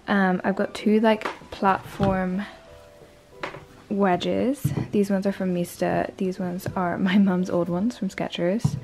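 A woman's voice: mid-range voice, flat delivery, slow pace, a little mellow, faint music behind. A young woman, chatting casually to camera in a vlog with plenty of fillers. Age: 20s. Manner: chatty, upbeat, filler-heavy. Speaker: vlogger.

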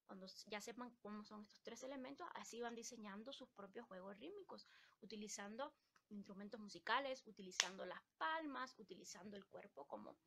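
High, bright woman from Ecuador teaching a live music class, patient, sings the beats. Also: slight background noise. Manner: explains patiently, sings rhythm syllables to show beats. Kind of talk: live-stream music lesson.

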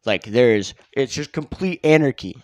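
A young man co-hosting a podcast, chatting casually with quick agreeing replies and swearing. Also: mid-range voice, animated, muffled recording, crowd noise. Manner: quick agreeing interjections, profane. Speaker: podcast co-host. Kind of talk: casual chat.

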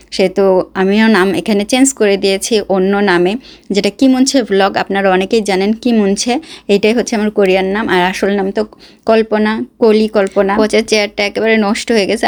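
A woman from Bangladesh, chatting casually to her viewers and explaining things with direct advice. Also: mid-range voice. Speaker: vlogger.

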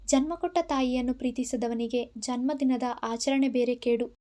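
A woman storyteller narrating in the first person, reading with feeling and clear expression. Her voice is high and light throughout. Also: steady tone, moderate pace, warm tone.

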